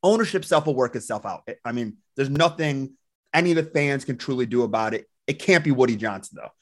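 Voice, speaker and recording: A man's voice: medium pitch, lively intonation, fairly quick. A man talking casually as a football fan on a podcast panel. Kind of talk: casual sports chat.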